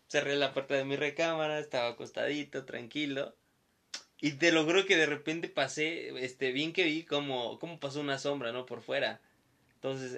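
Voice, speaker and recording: A man's voice: medium pitch, creaky, bright, forceful tone. A young man with a Mexican Spanish accent telling a story in casual chat, acting out quoted voices and laughing often.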